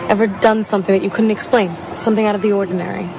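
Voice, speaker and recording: A woman's voice: medium pitch, steady tone, rapid-fire, gravelly, noisy background, natural voice. A woman acting as a middle-aged mother of a psychic boy, earnest and explanatory, in a naturalistic film drama. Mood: earnest, confiding.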